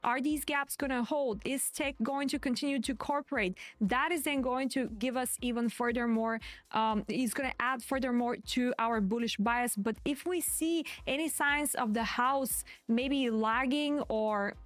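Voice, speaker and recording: A woman with a quiet but clear voice hosting live market commentary, explaining casually and often correcting and repeating herself as she goes. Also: high voice, measured pace, dry recording. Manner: hesitant, self-correcting, repeats phrases. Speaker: trading stream host.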